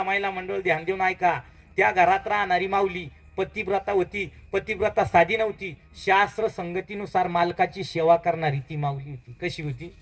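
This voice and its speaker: A man with a Marathi accent preaching a devotional story in kirtan style, asking the crowd quick questions and swinging up loud on key words. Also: rough recording. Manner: call-and-response questions, dramatic rises in pitch and volume.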